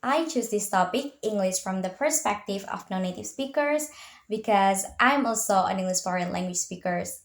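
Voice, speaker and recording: A young woman with an Indonesian accent reads a prepared class presentation at a steady pace. She slows down to sound out example words carefully. Her mid-pitched voice carries a roomy echo. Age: young adult. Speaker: student presenter, future English teacher.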